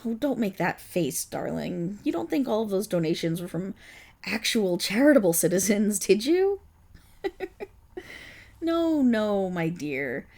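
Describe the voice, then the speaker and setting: A voice actor performs a suave, scheming villain boss in an ASMR roleplay audio drama, purring endearments in a silky, condescending way as she trades scornful gossip. Her mid-range, darkish voice is sing-song and measured, with vocal fry and a heavily acted delivery.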